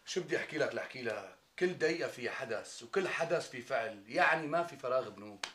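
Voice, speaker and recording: A man's voice: mid-range voice, animated, fast, a bit bright, lightly acted. An actor playing a touchy, boastful young man with a Syrian accent in a television comedy-drama. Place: apartment set indoors. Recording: roomy, distant mic, faint noise.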